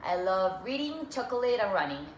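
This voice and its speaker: A woman's voice: medium pitch, very animated, normal speed. A woman in her twenties from Colombia and Mexico giving a student class presentation, hesitant, with restarts and fillers. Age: 20s. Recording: echoey room, far from the mic, faint noise.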